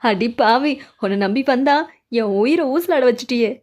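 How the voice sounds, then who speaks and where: A woman's voice: high voice, animated, brisk, a little mellow. A woman voicing a wheedling, dramatic young sister. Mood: aggrieved.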